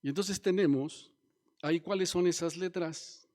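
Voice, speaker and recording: A man's voice: high voice, measured pace, a little mellow. A man preaching a sermon as pastor, teaching and asking the congregation questions. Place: church.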